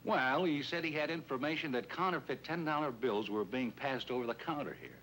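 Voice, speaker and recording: In a 1950s police drama, this male robbery victim is a wary, folksy shopkeeper who got swindled. His mid-range, fairly bright voice moves a little fast, and the acting is light. He comes across as hesitant, plain-spoken, earnest and rueful, and the old soundtrack is noisy.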